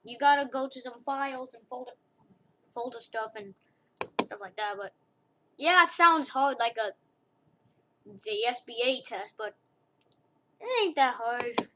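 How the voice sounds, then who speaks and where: Her voice on the high side, this tutorial maker walks through a drawing lesson at a measured pace, pausing often. She rambles casually, fixes her own slips, and laughs at her asides, recorded on a computer mic with loud hiss and clicking keys and mouse.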